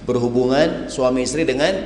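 A man preaching a lively, humorous sermon to a live audience, often acting out the people who come to him with questions. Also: medium pitch, a little fast. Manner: animated, acts out questioners, addresses audience as hadirin. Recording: echoey hall with long reverb.

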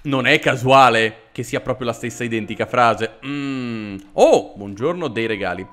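A man with a sore throat giving sarcastic, animated commentary while playing a video game. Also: medium pitch, normal speed. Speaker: let's play host. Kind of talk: gameplay commentary.

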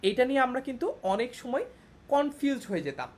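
A woman's voice: high voice, sing-song, fast talker. A young woman teaching an online class, patiently repeating each point and checking that her students follow.

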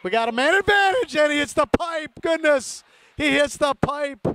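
A man doing excited, partisan amateur hockey commentary from the stands, bellowing a long drawn-out goal yell. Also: very high-pitched. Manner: partisan home-team enthusiasm. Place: indoor ice rink, from the stands.

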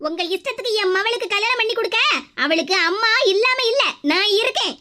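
Scolding cartoon mother, Kanyakumari Tamil accent, very high voice, bright and sharp. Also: fast talker. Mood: angry. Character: stern, scolding middle-aged mother. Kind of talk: cartoon comedy voice acting.

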